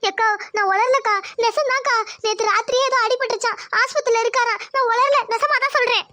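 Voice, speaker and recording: A woman voicing a calm village neighbor woman in a cartoon, who soothes and reassures in a quick, hushed way. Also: very high-pitched, no room sound. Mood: worried. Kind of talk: cartoon voice acting.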